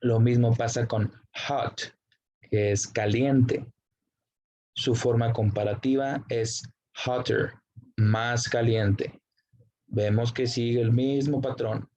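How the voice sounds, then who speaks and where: In a lo-fi recording, a man with a medium-pitched, steady, darkish voice teaches English grammar. He goes through the rules slowly, spells out letters and translates every example.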